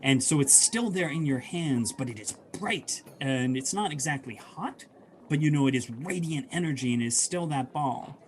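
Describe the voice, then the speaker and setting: A man narrating a tabletop game as game master, soft-spoken and hesitant, with many fillers. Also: on the high side, animated, moderate pace, slight background noise.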